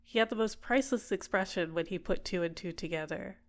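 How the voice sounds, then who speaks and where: Smug and amused, a woman plays a controlling, possessive villainess in an ASMR roleplay, softly coaxing and teasing her captive and now and then whispering. She speaks fairly quickly in a mid-range voice, only lightly acted.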